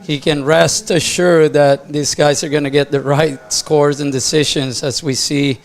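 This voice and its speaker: A man's voice: fairly high pitch, level tone, unhurried. A man offering casual live commentary as a surf contest announcer and local expert.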